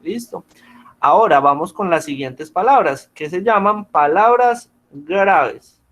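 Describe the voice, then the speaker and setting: Teacher on a video call. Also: male voice, high voice, animated, slow pace, fairly bright tone. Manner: patient, checks in with frequent questions. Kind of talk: online class lesson.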